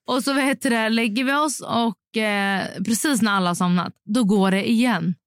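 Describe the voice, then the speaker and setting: A woman's voice: on the high side, clean tone, no room sound, clean studio sound. A young woman co-hosting a podcast in casual chat, telling stories and acting out the dialogue. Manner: chatty storyteller who jumps into quoted dialogue. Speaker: podcast co-host.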